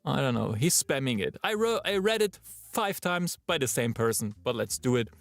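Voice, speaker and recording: A male voice actor, chatting and thinking out loud during a live-streamed recording session in his booth. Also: medium pitch, very animated, moderate pace, dry recording, soft background music. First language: German. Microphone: booth microphone.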